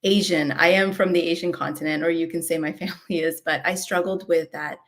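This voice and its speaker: A woman's voice: fairly low pitch, steady tone, brisk. Reflective woman from Canada on a panel. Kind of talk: panel discussion.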